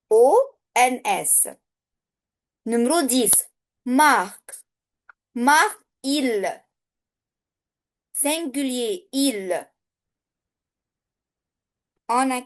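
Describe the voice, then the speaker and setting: A woman teacher giving a grammar revision lesson, spelling out letters and saying each word and answer twice. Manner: drops low when stating the answer.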